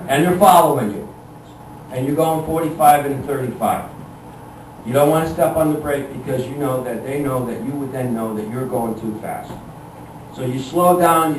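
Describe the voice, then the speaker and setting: A middle-aged man doing live stand-up storytelling in a conversational, halting, exasperated and self-deprecating way. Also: mid-range voice. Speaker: stand-up comedian. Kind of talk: live comic storytelling to an audience. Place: live room with an audience. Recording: echoey room, distant mic, clear background noise.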